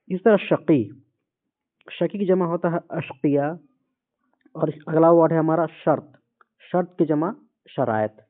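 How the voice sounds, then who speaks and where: Guy teaching a word list, kinda high voice, sounds like it's coming thru a phone. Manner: patient, repeats each word slowly. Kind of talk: vocabulary lesson. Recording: phone-like lo-fi audio.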